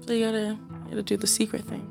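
A woman's voice: mid-range voice, completely flat delivery, very fast, gravelly, darkish tone, faint music behind. A woman co-hosting a podcast, chatting casually and teasing her partner with laughter. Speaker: podcast co-host. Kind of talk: casual chat.

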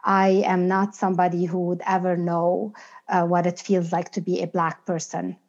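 Lower-pitched woman in a dull lo-fi recording. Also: flat delivery, normal speed, darkish tone. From outside the United States. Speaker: podcast guest, inclusion and diversity consultant. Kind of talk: reflective interview conversation.

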